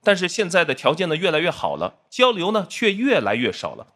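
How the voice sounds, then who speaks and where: With a voice on the high side, big swings in pitch and a slightly quick pace, this comedian and actor from Shanghai, China, is a middle-aged roast guest. He makes fun of himself, timing his punchlines on a studio stage as a live audience roars with laughter and noise.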